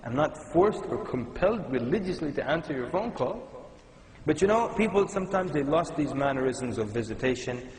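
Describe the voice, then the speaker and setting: A man's voice: a little high, expressive, moderate pace, a little mellow. A man from Sudan giving a conversational, humorous Islamic lecture to a live audience. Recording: echoey hall with long reverb.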